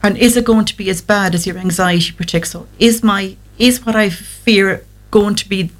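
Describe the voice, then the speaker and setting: A woman with a medium-pitched voice talks as an expert guest in an interview. She explains practical advice step by step in a conversational way. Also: moderate pace. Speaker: guest anxiety therapist on a show.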